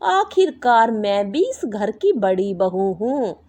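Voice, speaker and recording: A woman's voice: mid-range voice, very animated, slow pace, darkish tone, pitched below the performer's own voice. A woman voicing a sly, spoiled young elder daughter-in-law who whines and fusses in a storybook. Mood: whiny. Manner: whiny, fussy. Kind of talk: storybook voice acting.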